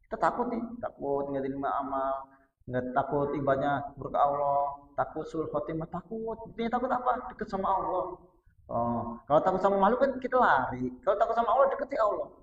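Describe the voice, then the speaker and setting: Guy preaching casual to the congregation, somewhat high voice, sounds far off and a bit muffled. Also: animated, a little fast. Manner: conversational, keeps addressing listeners as "Pak"; swings from soft low asides to loud high emphasis. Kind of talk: casual mosque sermon. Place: small prayer hall. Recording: echoey, distant, dull-sounding mic.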